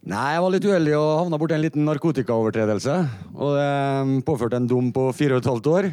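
Mellow man, dry sound. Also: medium pitch, dry recording. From central Norway. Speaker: radio panel guest. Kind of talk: casual chat.

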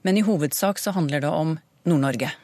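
A woman interviewing a guest, asking brisk questions and summing up the answers. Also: deep voice, mellow, dry recording. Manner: brisk, guiding questions and summaries. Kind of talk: radio interview.

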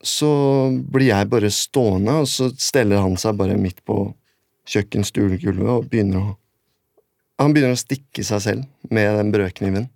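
A man telling his own story in a radio documentary, halting and repetitive, stringing his sentences together with "and then". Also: on the low side, creaky, a little mellow, dry recording, clean studio sound. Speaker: interviewee recounting a personal event. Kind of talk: spoken recollection in a radio documentary.

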